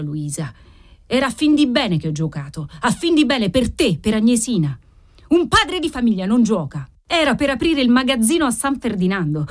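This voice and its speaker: Remorseful gambling husband, tearful, pleading, anguished, voice climbing high, swinging pitch, read by a woman. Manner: pleading, anguished, self-accusing. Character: desperate, remorseful husband gambler, tearful, middle-aged man.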